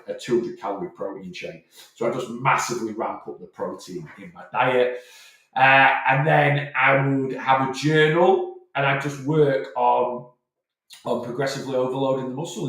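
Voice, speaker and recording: A man's voice: mid-range voice, creaky, fairly bright tone. A man coaching on weight loss during a live question-and-answer stream, talking casually with frequent restarts and repeated phrases. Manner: chatty, repeats himself, stops and starts, direct and reassuring. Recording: very echoey room.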